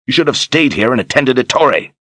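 A man's voice: mid-range voice, lively intonation, a little fast, fairly bright tone, no echo, pitched above the performer's own voice. A man reading an audiobook, voicing a cruel zealot general who commands harshly in old-fashioned grammar. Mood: raging.

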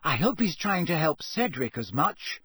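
Hermione is a man putting on a clever, earnest teenage schoolgirl with a raised, bright voice that lectures and scolds. She sounds bossy and quick to take offence. It is a dry, close audiobook recording. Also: on the high side, very animated, breathy edge, no echo, pitched above the performer's own voice, exaggerated voice. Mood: earnest, lecturing.

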